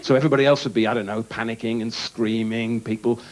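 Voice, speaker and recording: A young man doing conversational stand-up and acting out quick voices in his jokes. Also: medium pitch, fairly even intonation, rough recording. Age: young adult. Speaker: stand-up comedian. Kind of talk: stand-up routine. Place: comedy club stage.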